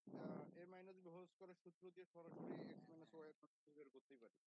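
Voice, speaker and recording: A woman's voice: fairly low pitch, fairly even intonation, moderate pace. A woman student in an online class speaking politely to her teacher over a crackly, clicking call line. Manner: polite, addresses the teacher respectfully. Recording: lo-fi noisy call audio with clicks.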